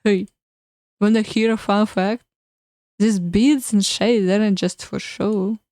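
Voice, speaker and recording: A woman's voice: mid-range voice, fairly even intonation, slow pace, dark tone, dry recording, clean studio sound. A woman voicing a cheerful, laid-back male party demon in a dating game, breezy and jokey. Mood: playful. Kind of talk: reading a game character aloud.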